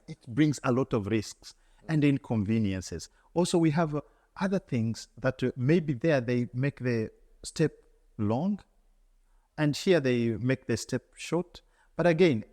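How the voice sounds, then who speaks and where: A man's voice: mid-range voice, a little mellow, big-room sound. A man from Tanzania, answering as an interview guest in an earnest, reflective way, often repeating words and restarting.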